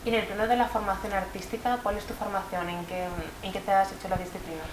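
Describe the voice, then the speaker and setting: A woman's voice: mid-range voice, flat delivery, fast. Woman interviewer with faint background hiss. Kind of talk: local TV interview.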